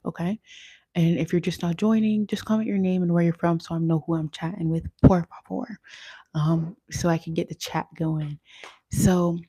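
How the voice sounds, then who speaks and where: A woman's voice: on the low side, mellow, breathy edge, dry recording. A young woman teaching makeup on a casual livestream, chatty and often checking in with "okay?".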